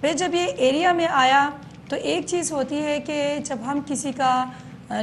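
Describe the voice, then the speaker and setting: A woman police station chief giving a news interview, explaining in detail with frequent hesitant pauses. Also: high-pitched, slight background noise.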